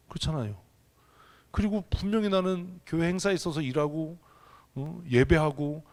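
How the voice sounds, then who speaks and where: A man preaching a sermon to his congregation in a church, casual and joking, often checking in with the listeners. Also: a little high. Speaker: pastor. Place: church sanctuary.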